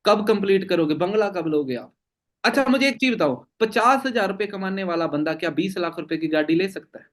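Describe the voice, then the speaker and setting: A man's voice: high-pitched, expressive, a little fast. A young man leading a team meeting, answering questions emphatically with rhetorical questions and frequent check-ins. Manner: emphatic, full of rhetorical questions and "theek hai?" tags. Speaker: network marketing team leader.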